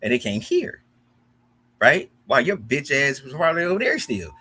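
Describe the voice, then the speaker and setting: Heated, profane American man, animated. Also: on the high side, moderate pace, slightly rough. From United States. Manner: animated, profane, repeats himself when heated. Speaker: commentary host. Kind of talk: heated reaction commentary.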